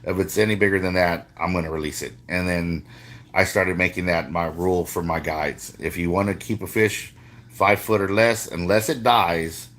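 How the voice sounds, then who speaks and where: Deep-voiced fishing guide, rambling. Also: male voice, fairly even intonation, moderate pace, fairly bright tone. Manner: rambling, casual, with frequent swearing and restarts. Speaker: fishing guide hosting a live stream. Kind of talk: casual live-stream chat.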